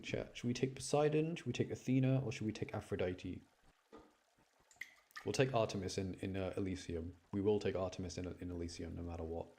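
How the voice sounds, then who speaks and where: A game streamer with a medium-pitched, dark-toned voice gives casual, chatty live commentary. He thinks aloud and apologetically explains his choices to his chat.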